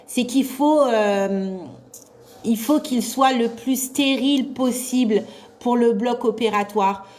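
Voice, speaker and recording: Woman trainer, loud carrying voice, high-ish, unhurried, encouraging live class. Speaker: nursing assistant trainer. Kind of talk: live online revision class.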